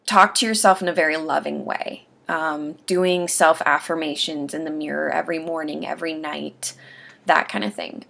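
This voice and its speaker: A woman vlogger with a slight lisp giving denture aftercare advice, speaking slowly and over-enunciating her words in a casual video diary. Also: deep voice, vocal fry, fairly bright tone. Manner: deliberate, over-enunciated speech. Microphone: webcam or camera mic while watching herself on screen.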